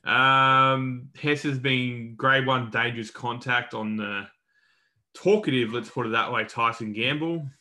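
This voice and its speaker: Bright, forceful Australian man talking sport. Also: mid-range voice, measured pace. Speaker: podcast co-host. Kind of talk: casual sports news rundown.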